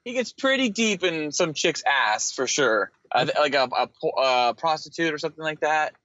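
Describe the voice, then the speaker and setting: A man's voice: on the high side, expressive, normal speed, bright, forceful tone, dry recording. A man co-hosting a casual podcast chat, joking and teasing his co-host. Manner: joking, teasing, laughs easily. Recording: dull lo-fi mic.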